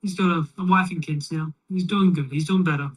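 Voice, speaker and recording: Rambling deadpan storyteller, set back from the mic. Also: mid-range voice, brisk, husky, far from the mic, poor audio. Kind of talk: shaggy-dog joke told while painting miniatures. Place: room, alone.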